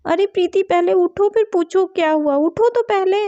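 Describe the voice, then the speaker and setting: A woman's voice: extremely high pitch, moderate pace, dark tone, dull audio, pitched above the performer's own voice. A woman voicing a worried young mother in a doll story, fretful and pleading. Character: worried young mother searching for her son.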